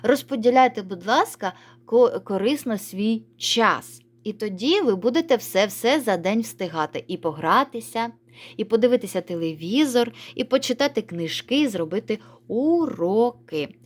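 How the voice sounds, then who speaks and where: Teacher lady coaxing small kids through a reading lesson, sing-songy, highish voice. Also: expressive, moderate pace. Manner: sing-song, coaxing, calls pupils pet names. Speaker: primary school teacher. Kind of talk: online reading lesson for young children.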